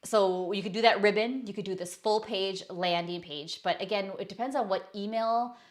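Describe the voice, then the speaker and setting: A woman's voice: mid-range voice, normal speed. A woman coaching online business owners in a casual screen-share tutorial, chatty and self-correcting as she talks through her slides.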